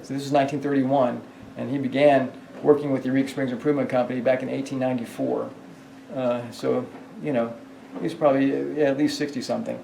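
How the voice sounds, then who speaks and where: A man's voice: medium pitch, little pitch movement, fast talker, creaky, dark tone, distant mic, slight background noise. A man guiding a ghost tour through a hotel, telling stories in a rambling way with many fillers and restarts. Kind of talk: guided tour storytelling. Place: hotel hallway. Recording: echoey hallway, voice off-mic.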